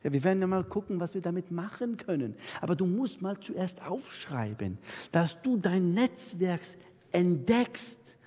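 A man's voice: high voice, sing-song, unhurried, warm tone, husky. A man preaching an anecdotal sermon, telling stories and acting out the dialogue in different voices. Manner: storytelling, acts out dialogue in voices. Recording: reverberant hall.

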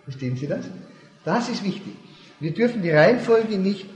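This seminar speaker walks through his material step by step, restating key points and asking whether listeners understand. His voice sits high, expressive and a little mellow at a moderate pace, captured in an echoey hall with dull, lo-fi audio.

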